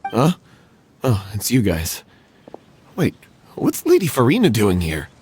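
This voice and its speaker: An actor playing a nervous, defensive troupe performer who hesitates and stammers, in a video game. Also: male voice, mid-range voice, wildly swooping pitch, unhurried, a little mellow, slight background noise. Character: anxious male theater troupe actor, guarded.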